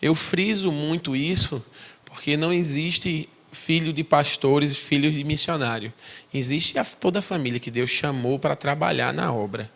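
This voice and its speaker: A man's voice: fairly high pitch, normal speed, gravelly, fairly bright tone. Chatty Pernambuco missionary man. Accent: Pernambuco Brazilian Portuguese. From Recife, Brazil. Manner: conversational, chatty asides to the congregation. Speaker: missionary giving testimony. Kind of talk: church testimony. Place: church.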